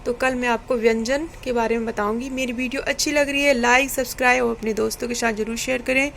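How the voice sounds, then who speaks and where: A woman teaching a Hindi grammar lesson to children, speaking slowly and patiently, repeating points and quizzing her pupils. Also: on the high side, fairly even intonation, vocal fry, fairly bright tone, a little hiss or hum.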